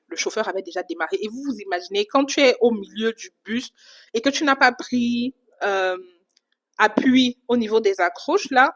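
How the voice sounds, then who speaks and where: A woman from Cameroon telling a personal story in a casual, animated vlog. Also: medium pitch. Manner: animated retelling, casual fillers. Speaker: vlogger.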